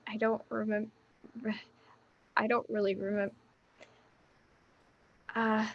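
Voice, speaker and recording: Woman as a dazed young woman, halting and lost. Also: medium pitch, level tone, no echo. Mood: confused. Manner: halting, trailing off mid-word. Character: confused young woman just freed from a cocoon. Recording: dull lo-fi mic.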